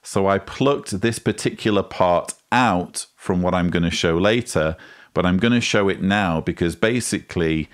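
A man with a very low voice delivers critical video commentary to camera at normal speed. He's a host and commentator in a small indoor room lined with bookshelves, speaking close to a studio mic on a boom arm.

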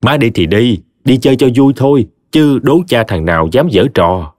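Scheming sweet-tongued young son-in-law, read by a male narrator, lively swings in tone, dry close sound. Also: medium pitch, moderate pace, no echo, natural voice. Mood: coaxing. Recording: dry voice with faint music.

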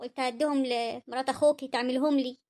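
A woman voicing a poor, gentle older mother-in-law in an Egyptian cartoon story, pleading and self-effacing, with an Egyptian accent. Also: high-pitched, steady tone, fast talker.

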